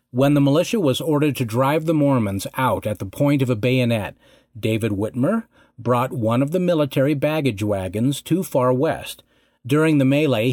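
A man giving a scripted historical narration in a measured, deliberate way. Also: mid-range voice, darkish tone, dry recording, studio quality.

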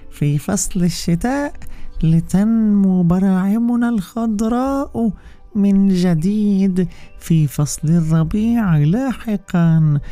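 A man voicing a calm, patient mother tree explaining things to her child. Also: high-pitched, pitched above the performer's own voice, heavily acted. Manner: slow, soothing, explaining.

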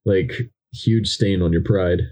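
A young man co-hosts a book podcast and drops dry, sarcastic remarks between plot points. His voice is low and mellow with a slightly husky edge. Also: fairly even intonation, takes it slowly. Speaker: podcast co-host. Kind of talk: casual book discussion.

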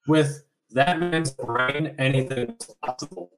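A man's voice: mid-range voice, measured pace, over music. A man hosting a casual podcast chat over an internet call, talking in a loose, rambling way with some swearing. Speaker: podcast host.

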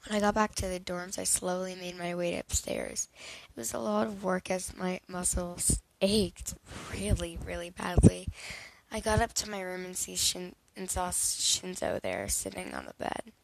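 A woman's voice: on the low side, moderate pace, creaky, rough recording. A woman reading fan fiction aloud in a casual way, often restarting words.

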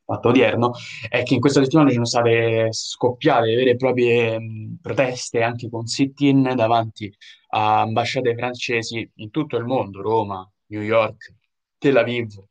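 A man's voice: medium pitch, fairly even intonation, a little slow. A young man co-hosting a casual news chat, talking in a loose, digressive way and breaking into laughter now and then. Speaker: co-host.

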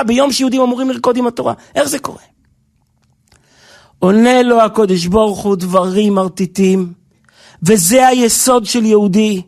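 A man with a strikingly high voice preaches a sermon with fervour. His delivery rises into near-shouts and then drops to a hush. The tone stays earnest and emotional throughout. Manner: impassioned, swings between soft and loud. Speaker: rabbi.

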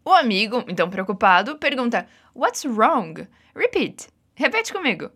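A woman's voice: fairly high pitch, very animated, normal speed, a bit bright, breathy edge. A woman with a Brazilian Portuguese accent teaching English phrases, patient and encouraging as she drills repetitions. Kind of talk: guided language lesson.

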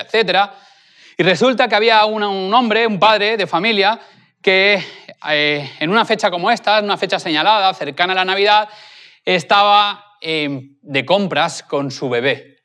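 A man with a Spanish accent from Spain, preaching a sermon by telling a story in a lively, emphatic way. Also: sits high. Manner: lively storyteller, stressing words with "super".

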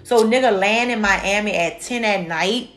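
A young woman, telling a travel story straight to her viewers in a casual, profane, animated way. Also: mid-range voice, unhurried, soft background music.

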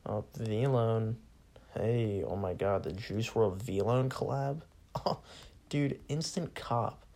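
Gravelly young man ranting alone. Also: on the low side, takes it slowly, a little mellow. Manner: profane, bored and sarcastic, laughs often. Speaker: solo podcaster. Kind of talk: casual solo rant.

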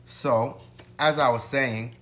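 A man's voice: medium pitch, fairly even intonation, slow pace, a bit bright, a little hiss or hum. A young adult man co-hosting a casual food vlog, easygoing and hesitant, with many ums. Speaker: co-host.

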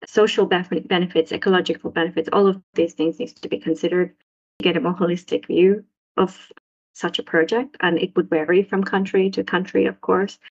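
A woman's voice: steady tone, fairly quick, darkish tone, husky. A young woman from Sri Lanka, a postdoc researcher, answering interview questions casually with many restarts and fillers. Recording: muffled low-fidelity audio.

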